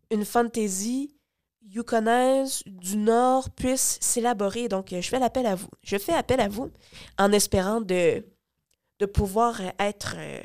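A woman's voice: medium pitch, a little mellow. A woman hosting a community radio show, talking casually in French with many fillers and restarts as she calls on listeners. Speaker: radio host. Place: radio studio.

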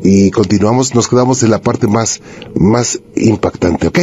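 A man's voice: lowish voice, unhurried, dark tone, a little hiss or hum. A man hosting a call-in radio show, following along with short replies and summing up the caller's story. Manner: engaged, frequent short affirmations. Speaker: radio host. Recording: dull lo-fi radio sound.

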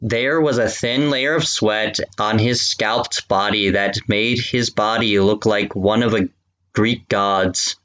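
A man's voice: on the low side, takes it slowly, fairly bright tone, low-quality recording. A man stumbling and giggling through a mock-dramatic read-aloud for his friends. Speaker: reader of fan fiction for friends. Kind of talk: mock-dramatic reading with laughter.

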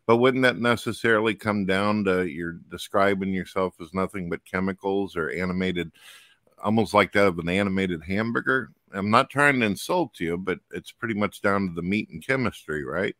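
A male host in a casual call-in debate who puts blunt hypothetical challenges to a guest and calls his own voice monotone. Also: deep voice, moderate pace, no room sound, studio quality.

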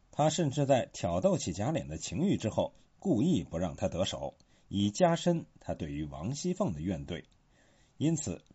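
A man reading scripted literary commentary in a measured way, with expressive pitch. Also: breathy edge. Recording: dull lo-fi recording.

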